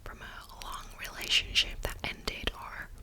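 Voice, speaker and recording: In a lightly acted whispered role-play, a woman plays a patient, attentive psychologist in a therapy session. Her breathy, unvoiced whisper carries active listening and gentle, probing questions separated by pauses.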